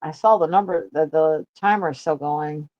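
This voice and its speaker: A guest on an online call with a bad connection, giving a halting, casual tribute full of restarts and fillers. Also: mid-range voice, a little mellow, dry recording. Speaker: guest on a memorial podcast. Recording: dull lo-fi call line, dry.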